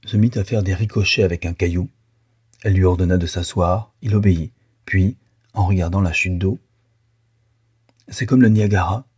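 A man narrating a classic novel as an audiobook, in a measured, even storytelling manner on a close mic. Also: deep voice, husky, no room sound.

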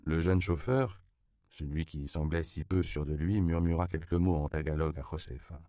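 Gravelly, deep-voiced male audiobook narrator. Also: fairly even intonation, normal speed, warm tone, dry recording, studio quality. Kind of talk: scripted narration.

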